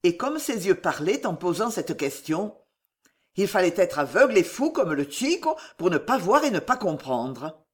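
A woman narrating a novel as an audiobook, in a dramatic, expressive way. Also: lowish voice, normal speed.

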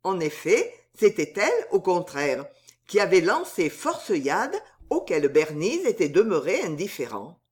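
Woman narrator for a storybook, slow and expressive. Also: fairly low pitch.

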